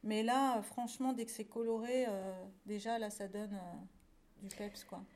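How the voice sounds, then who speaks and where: A woman chatting enthusiastically about children's picture books, then reading one aloud with expressive storytelling. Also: medium pitch, unhurried. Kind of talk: casual chat and reading a picture book aloud.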